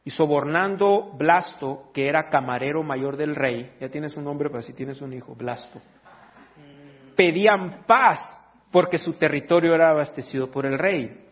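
A man's voice: a little high, normal speed. A man preaching a sermon in a church, reading scripture aloud and breaking off for joking asides to the congregation. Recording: dull lo-fi recording.

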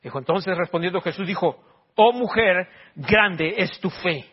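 Pastor in his 40s, highish husky voice, keeps asking the church questions, muffled church recording. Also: a little slow. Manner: preaches in rising emphatic bursts, quizzing the congregation. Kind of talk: sermon. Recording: dull lo-fi sermon recording.

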